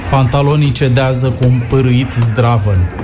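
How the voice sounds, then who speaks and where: A man narrating a comic story in the first person with dry, deadpan humor. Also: medium pitch, music in the background. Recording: noisy recording.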